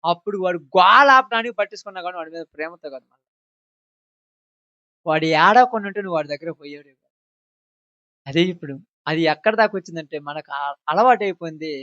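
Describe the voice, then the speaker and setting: A high-voiced man preaching a sermon, talking straight at his listeners. He swings from loud, pressing points to hushed asides. The recording is dry and a little dull. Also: fairly quick, pauses often, dry recording. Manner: emphatic, swinging loud and soft, addressing listeners directly.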